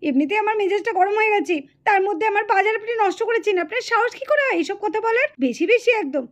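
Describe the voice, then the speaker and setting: A woman's voice: extremely high pitch, lively intonation, fast. A woman voicing a hot-tempered young village aunt in a puppet cartoon, scolding and quarrelsome.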